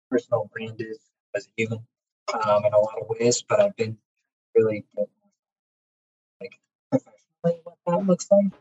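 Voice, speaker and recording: A man's voice: mid-range voice, a little mellow. A young man on a video call chatting casually and rambling, his voice coming through a tinny, metallic microphone that keeps cutting out. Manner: rambling, restarts thoughts often. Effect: tinny, cutting-out microphone like a tin can on a string. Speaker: community call participant. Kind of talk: casual chat. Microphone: poor headset or computer mic on a video call.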